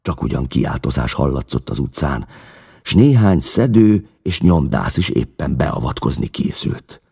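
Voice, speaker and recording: Deep, gravelly male storyteller. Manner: dramatic, expressive reading. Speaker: narrator. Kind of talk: audiobook reading.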